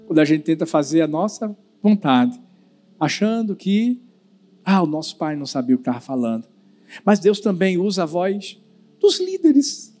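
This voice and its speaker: A male pastor preaching a sermon with a notably high voice. He tells stories in a lively, animated way and holds dramatic pauses for effect. Soft music runs faintly behind him.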